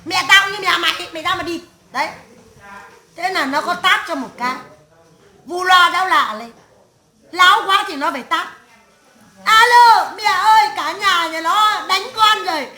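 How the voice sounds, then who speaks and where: A woman's voice: extremely high pitch, moderate pace, pauses often, pushed and bright. A woman medium voicing the spirit of a stern old great-grandmother in a séance, scolding her family in a harsh, crude tirade full of curses. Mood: ranting. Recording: echoey room.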